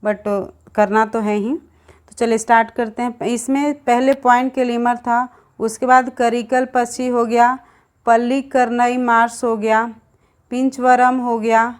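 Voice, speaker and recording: A young woman runs through an exam revision lesson at speed, reading out long lists of names. Her voice sits slightly high, and she keeps addressing her viewers as friends. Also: level tone, unhurried. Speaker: exam-prep teacher.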